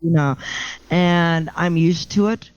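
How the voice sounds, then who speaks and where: This middle-aged woman, a house painter, is a guest on a casual podcast interview, joking about herself and frequently restarting her sentences. Her low voice is steady, slow, slightly mellow and smooth. The high frequencies in the audio are cut off.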